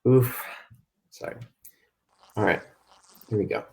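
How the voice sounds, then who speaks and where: A man's voice: fairly low pitch, takes it slowly. A man running an online tabletop game as game master, talking with frequent ums and uhs. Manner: hesitant, many ums and uhs.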